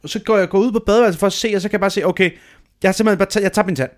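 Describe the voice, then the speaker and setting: A man in his thirties telling a dramatic, self-mocking story in a casual chat, swearing freely. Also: high voice.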